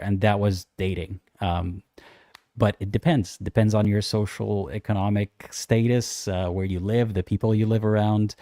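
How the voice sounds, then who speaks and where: A young man co-hosting a casual livestream chat, reading out viewer comments and answering them in a thoughtful, measured way. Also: lowish voice, warm tone, no echo, studio quality.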